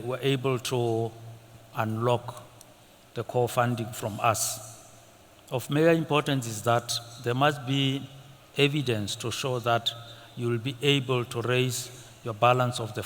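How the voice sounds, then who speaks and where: Methodical man in a hall. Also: mid-range voice. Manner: steady, methodical, lists points in order. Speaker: government incentives manager on a panel. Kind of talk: panel discussion explanation. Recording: echoey conference hall, faint noise.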